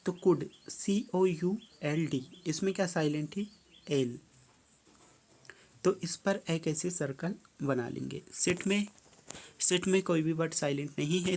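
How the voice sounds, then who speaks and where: Step by step, this teacher covers a worksheet, slowly reading every English prompt before explaining it plainly. The voice is medium in pitch, with a little hiss or hum in the recording.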